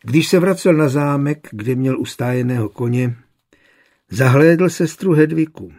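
A male narrator reads a historical novel in a measured, steady way. His voice is gravelly with a husky edge, pitched in the middle range for a man. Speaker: audiobook narrator.

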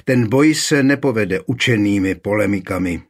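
A man reading a stern one-eyed warlord who argues forcefully in a council. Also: fairly low pitch, expressive. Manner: forceful, agitated.

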